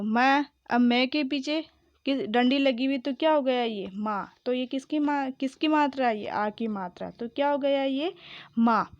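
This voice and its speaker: A woman teacher with a smooth, fairly high voice reads words aloud very slowly, one at a time, and then explains them in a patient, questioning way. The sound is dry and close, a little dull and lo-fi. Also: no echo. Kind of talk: slow word-by-word reading lesson.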